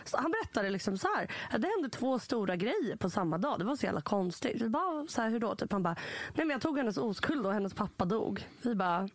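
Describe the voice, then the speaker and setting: A woman's voice: mid-range voice, dry recording. A woman co-hosting a podcast, telling a story in casual chat with lots of fillers and acted-out quotes. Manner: animated anecdote-telling, quotes people with "bara", lots of fillers. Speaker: podcast host.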